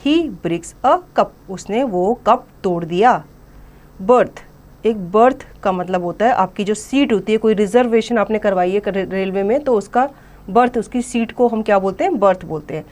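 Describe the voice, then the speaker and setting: A woman teacher, slowly reading out word lists and explaining them to children in Hindi mixed with English. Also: mid-range voice, darkish tone. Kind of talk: classroom vocabulary lesson.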